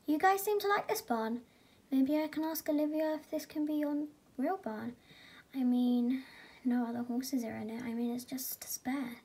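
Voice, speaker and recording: Woman voicing an eager chatty girl rider, high bright voice, toy horse movie. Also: normal speed, slightly rough. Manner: excitable, chatty.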